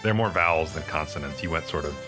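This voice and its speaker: A man's voice: extremely low pitch, quick pace, over music. A man co-hosting a podcast, chatting casually and reflectively about a TV episode. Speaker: podcast co-host. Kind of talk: casual chat reviewing a TV episode.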